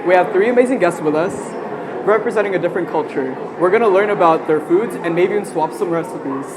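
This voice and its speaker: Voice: mid-range voice, fast talker. The host of a live comedy sketch, with upbeat, scripted patter. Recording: noisy live stage.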